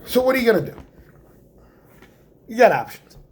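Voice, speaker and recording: A man doing a stand-up comedy monologue in a theatrical way, drawing words out for effect and dropping to hushed asides. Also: extremely high pitch, big pitch swings, normal speed.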